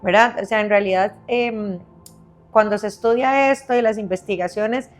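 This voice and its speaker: A woman's voice: medium pitch, moderate pace, faint music behind. A woman specialist patiently explaining baby health on a podcast, step by step, often checking in with her listener.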